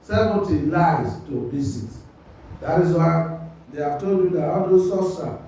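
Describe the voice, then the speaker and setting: Male teacher, fairly high voice, explains line by line, quizzes the room with "what?", heard from a distance. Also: normal speed, warm tone. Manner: reads a passage, then explains it line by line; quizzes listeners with rhetorical "what?" questions. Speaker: Quran commentary teacher. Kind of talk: religious lesson. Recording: very echoey hall, mic far off.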